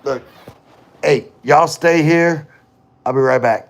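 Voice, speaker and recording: Speaking slowly in a fairly high, gravelly voice, a middle-aged livestream host works through viewer comments. His answers are rambling and casual, with the occasional swear word.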